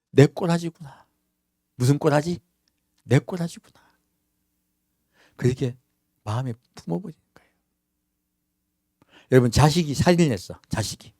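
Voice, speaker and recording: A man's voice: mid-range voice, dark tone, no echo, studio quality. A man preaching a sermon in a church, talking to the congregation conversationally with many rhetorical questions. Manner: acts out everyday quotes in character voices. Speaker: pastor.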